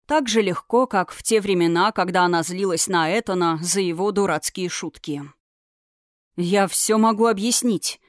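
A woman reading a fantasy novel aloud in a measured, expressive narration. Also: on the low side, no room sound, studio quality. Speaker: audiobook narrator. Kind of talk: scripted fantasy audiobook narration.

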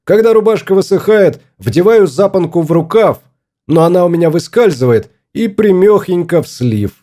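A man's voice: high-pitched, expressive, moderate pace, warm tone, pitched above the performer's own voice. A man voicing a stubborn, fussy husband exploring space in an audiobook, grumbling and obstinate.

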